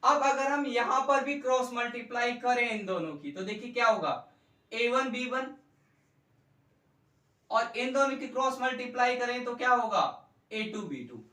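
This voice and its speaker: A man teaching a math lesson at a board, explaining slowly, repeating points and quizzing his students. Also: very high voice, lively intonation, sharp tone. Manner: slow, repetitive, quizzes students with questions. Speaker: economics tutor. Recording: echoey room, mic far off.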